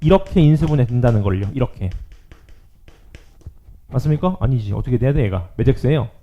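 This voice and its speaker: A male math teacher giving a lively classroom lecture, often checking in with his students. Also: medium pitch, normal speed, dull audio.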